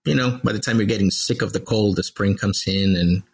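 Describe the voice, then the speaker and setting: Deep husky man, relaxed guest. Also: a little fast. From El Salvador. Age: 40s. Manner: relaxed, friendly storytelling with fillers. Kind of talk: casual interview.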